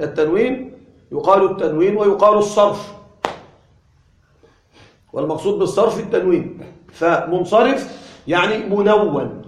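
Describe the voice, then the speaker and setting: A man teaching an Arabic grammar lesson, patiently repeating examples slowly and asking and answering his own questions. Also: sits high, reverberant.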